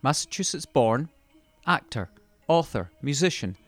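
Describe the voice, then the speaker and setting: A male podcast host with a voice of middling pitch speaks in a measured, formal way. He asks his guest questions at an even, unhurried pace. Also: faint music behind. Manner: measured and formal when introducing. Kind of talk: scripted introduction and interview questions.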